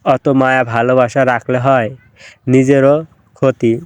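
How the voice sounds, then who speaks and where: A man's voice: mid-range voice, flat delivery, unhurried, smooth, dry recording, lightly acted. A man voicing a pushy middle-aged village matchmaker woman who lectures insistently.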